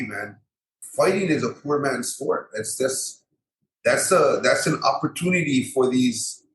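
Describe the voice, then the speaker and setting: A podcast guest, an MMA fighter who runs a gym, speaks in a mid-range voice with a local Hawaiian accent, casual, repetitive and colloquial. The roomy, echoey audio carries a little hiss or hum.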